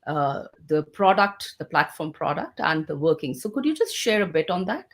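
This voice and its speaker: A woman's voice: low voice, very animated, normal speed. A woman hosting an online interview, asking long questions with fillers and restarts. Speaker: host.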